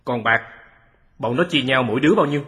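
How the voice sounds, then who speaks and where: A man playing an excitable, grateful lawyer who questions the detective eagerly in a radio drama. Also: medium pitch, a little fast, natural voice. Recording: long hall reverb.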